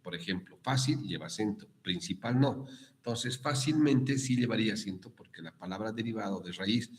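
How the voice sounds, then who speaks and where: Low-voiced Bolivian man teaching grammar. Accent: Bolivian Spanish. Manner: measured, explains slowly, frequent fillers and self-corrections. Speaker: guest lecturer. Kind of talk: spelling and accent lesson.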